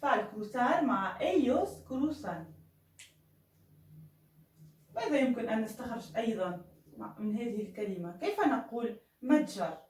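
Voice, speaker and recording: A woman teaching Spanish in an online lesson, saying Spanish phrases slowly and clearly between quicker explanations. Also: on the high side, animated, darkish tone, echoey room, recorded from a distance, low-quality recording.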